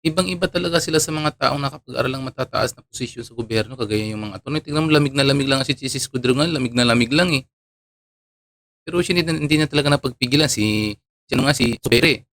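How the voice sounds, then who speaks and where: A man's voice: mid-range voice, quick pace, a bit bright. A man from Palawan giving casual spoken commentary to his viewers, chatty and often chuckling, with many fillers. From Palawan, Philippines. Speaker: online commentator.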